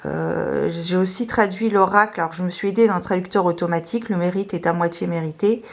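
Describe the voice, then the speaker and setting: A woman presenting her tarot decks in a casual video, talking hesitantly with many fillers and restarts, a little hoarse. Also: on the low side, fairly quick. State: slightly hoarse, clearing her throat.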